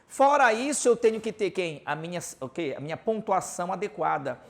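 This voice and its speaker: A man's voice: high-pitched, sing-song, brisk, creaky. A man with a Belém accent teaching a Portuguese grammar lesson, constantly asking rhetorical questions and tagging lines with "tá?" as he writes examples on a board. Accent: Paraense (Belém). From Belém, Pará, Brazil.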